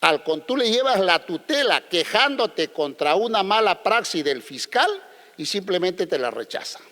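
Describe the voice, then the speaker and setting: High-voiced combative man in a hall. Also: very animated, moderate pace, pushed and bright. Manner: combative, with frequent rhetorical questions. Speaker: lawyer speaking at a legal conference. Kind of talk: conference talk.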